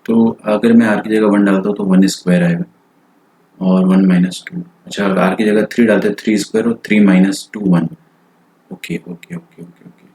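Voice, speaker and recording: A man teaching maths in a live online lecture, working problems out loud in Hindi-English and checking in with students with frequent tag questions. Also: on the low side, steady tone, a little fast, slight background noise, rough recording. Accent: Indian. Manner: thinks aloud while solving, mixes in English phrases.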